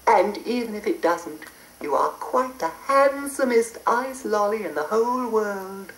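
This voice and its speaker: A woman voicing a plump, kindly fairy who talks high and softly cooing, on an old cassette. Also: lively intonation, unhurried. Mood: fussing. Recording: roomy old cassette recording.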